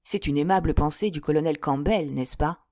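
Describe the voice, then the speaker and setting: A woman voicing a charming, teasing young gentleman with a smooth, playful manner. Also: low-pitched, moderate pace, no echo, studio quality, natural voice.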